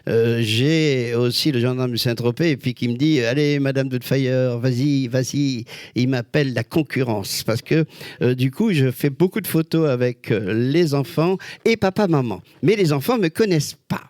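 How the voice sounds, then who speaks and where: An older man, a guest, telling lively anecdotes with exclamations and quick voice changes. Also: mid-range voice, dry recording, clean studio sound. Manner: expressive storyteller, many voices and exclamations. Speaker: guest, celebrity lookalike. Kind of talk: animated anecdotal chat.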